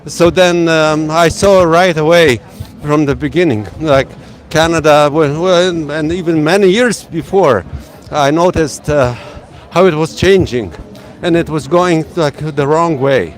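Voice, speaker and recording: A middle-aged man from Poland with a Polish accent, speaking haltingly as an interviewee outdoors at a protest. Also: fairly high pitch, soft background music. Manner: halting, searching for words.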